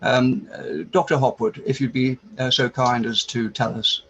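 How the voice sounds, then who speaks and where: A man hosting a meeting over a video call, giving a courteous, formal introduction in a hesitant, halting way with many repetitions. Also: medium pitch, fairly even intonation, a bit bright, slight background noise, rough recording. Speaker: meeting host introducing a speaker.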